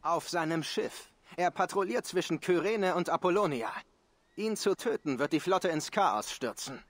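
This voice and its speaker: A man's voice: high-pitched, lively intonation, moderate pace, no room sound. A man voicing a frightened, earnest young soldier deserter in a German game dub.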